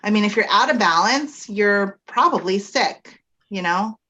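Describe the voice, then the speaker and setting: A woman naturopathic physician explaining her field in a measured way with frequent ums, speaking from her office. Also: medium pitch, expressive, sharp tone. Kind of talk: explanatory interview talk.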